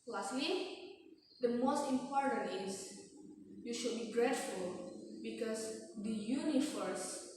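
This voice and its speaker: A teenage young woman with an Indonesian accent delivers a memorized competition speech in a stiff, rehearsed way, with deliberate emphatic pauses. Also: fairly high pitch, darkish tone. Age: teens. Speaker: student speech contestant. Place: large echoey indoor room. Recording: echoey hall from far off, faint noise.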